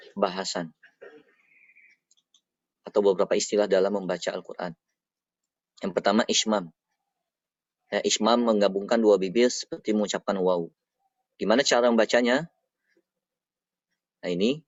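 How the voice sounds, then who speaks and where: A man teaching the rules of Quran recitation in a patient, explanatory manner, repeating each point slowly. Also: lowish voice, fairly even intonation, dry recording. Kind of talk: explanatory lesson. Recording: dull, dry lo-fi recording.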